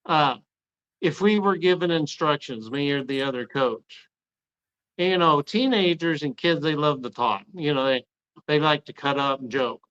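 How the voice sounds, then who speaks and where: A podcast host who used to be an assistant coach trades coaching stories in casual interview talk, acting out what he told his players. His fairly high voice moves at a moderate pace, a bit bright with a clear, resonant tone. The mic is slightly dull and lo-fi.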